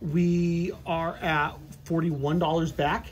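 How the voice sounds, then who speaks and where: A woman's voice: deep voice, level tone, takes it slowly. A woman hosting a casual group chat on camera, chatty and playful, often giggling. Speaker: lottery scratcher channel host. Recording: faint background noise.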